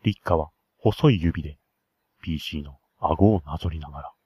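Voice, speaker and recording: A man's voice: a bass voice, moderate pace, slightly rough, no echo, muffled recording. A man acting as game master, narrating a tabletop role-play scenario with chatty, enthusiastic side remarks.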